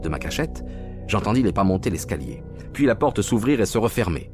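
An actor narrating as a loyal, worried doctor companion, in a grave, measured manner. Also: male voice, fairly low pitch, big pitch swings, music in the background. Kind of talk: radio drama narration.

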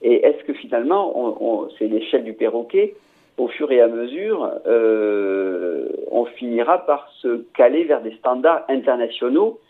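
A man's voice: mid-range voice, expressive, unhurried. A man giving commentary in a radio discussion, hesitant and often repeating words with many fillers. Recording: tinny phone-line radio sound.

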